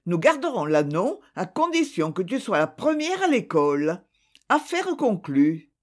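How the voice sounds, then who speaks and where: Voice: medium pitch, very animated, unhurried. A storyteller voicing a practical, matter-of-fact farmer's wife speaking to her daughter. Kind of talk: storybook reading.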